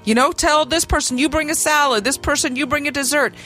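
A woman co-hosting a radio talk show, chatting casually and telling quick stories. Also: high-pitched, soft background music. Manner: chatty, lively storytelling. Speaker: radio co-host.

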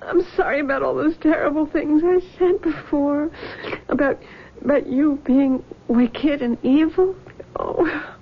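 A woman's voice: high voice, unhurried, phone-quality sound. A woman playing a fragile, anxious young woman in a drama, hesitant and pleading, dependent on her mother. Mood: remorseful. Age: young adult. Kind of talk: scripted drama acting.

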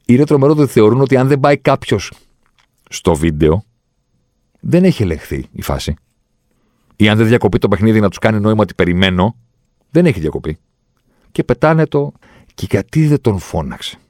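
Male pundit with a deep voice, insistently breaks down the rules. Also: sing-song, pauses often, darkish tone, no room sound, clean studio sound. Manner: explains rules insistently, acts out quoted voices. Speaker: football refereeing commentator. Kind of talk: opinionated talk-show monologue.

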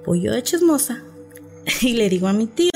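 A woman's voice: a little high, moderate pace, faint music behind. A woman with a Mexican accent, animatedly telling a personal story as a podcast guest and acting out the people in it. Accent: Mexican Spanish. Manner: animated, acts out quoted voices. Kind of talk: casual storytelling.

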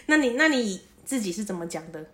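A woman's voice: medium pitch, very animated, moderate pace, a bit bright. A woman with a Taiwanese Mandarin accent co-hosting a casual chat podcast, teasing her partner and laughing often. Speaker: podcast co-host.

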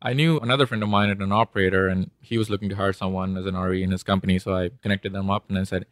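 A man's voice: deep voice, fairly even intonation, racing, dry recording, clean studio sound. A man from India with an Indian accent, an interview guest and startup founder explaining things in an informal, conversational way.

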